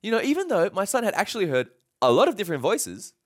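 Highly expressive interpreting man. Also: moderate pace. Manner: expressive, swings widely in pitch. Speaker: sermon interpreter. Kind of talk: live sermon interpretation.

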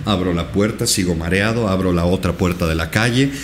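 A man's voice: low-pitched, a little fast, a little hiss or hum. A male podcast guest earnestly recounting a personal experience, with many repetitions. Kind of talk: personal storytelling in a podcast interview.

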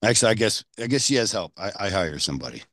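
A man hosting a casual interview, rambling with halting restarts. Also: fairly low pitch, big pitch swings, fairly bright tone, dry recording. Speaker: podcast host.

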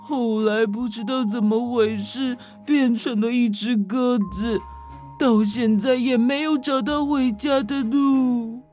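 Brief: earnest lost dove, high and slow, a woman playing her. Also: fairly even intonation, dark tone, soft background music. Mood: wistful. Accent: Taiwanese Mandarin. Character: lost, wistful dove, formerly a girl.

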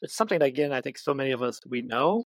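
A man hosts a podcast and thinks aloud in a rambling, halting way. His voice sits at a middling pitch. The recording is dry and close-miked. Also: expressive, dry recording, low-quality recording. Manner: rambling, halting, with many restarts and fillers. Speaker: podcast host. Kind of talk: casual interview talk.

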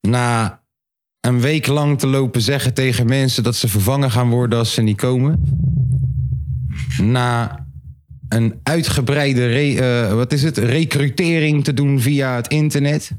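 A man's voice: medium pitch, measured pace. A man hosting a casual podcast, talking loosely with laughs and restarts. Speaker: podcast host.

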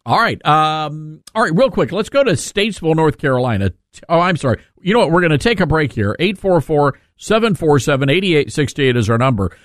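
A man's voice: a little high, lively intonation, a little fast, no echo, clean studio sound. A male talk radio host giving folksy, conversational live commentary. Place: dry radio studio.

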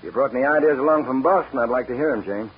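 A man's voice: medium pitch, fast. An actor playing a shifty, folksy ranch foreman with a drawling, evasive manner, in 1940s radio acting. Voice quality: raspy. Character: shifty, folksy man running a cattle ranch. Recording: dull old radio broadcast.

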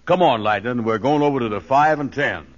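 An actor playing a pompous, dim but good-hearted schemer in a 1940s radio comedy, folksy and self-important. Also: male voice, mid-range voice, brisk, music in the background, lightly acted. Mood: pondering. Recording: dull lo-fi 1940s radio recording.

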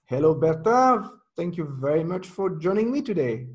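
A man's voice: a little high, sing-song, normal speed, dull audio. A man speaking as a podcast host, delivering scripted introductions and interview questions.

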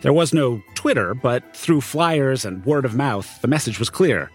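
A man tells a scripted story in a conversational podcast style. His mid-pitched voice moves around in lively swings. Music plays behind him. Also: a little slow. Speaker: narrator and reporter.

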